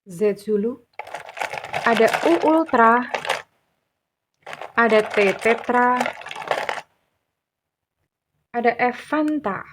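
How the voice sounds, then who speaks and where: A woman's voice: fairly high pitch, very slow, long pauses, heavy background noise. A middle-aged woman, reading tarot cards in a casual, chatty way, teasing and laughing as she talks. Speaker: tarot reader.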